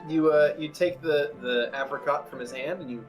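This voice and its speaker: A man narrating a tabletop game as game master in a halting, conversational way. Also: fairly high pitch, soft background music. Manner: halting, conversational, piecing descriptions together.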